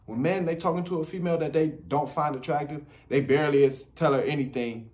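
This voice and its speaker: A man's voice: fairly high pitch, fast talker, a little mellow. A man, giving blunt dating advice in a casual monologue full of slang and repetition. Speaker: dating commentator.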